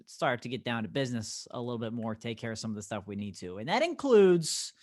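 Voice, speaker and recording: A man's voice: mid-range voice, big pitch swings, brisk, a little mellow. A young American man co-hosting a casual podcast, talking in an enthusiastic, emphatic way. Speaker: podcast co-host.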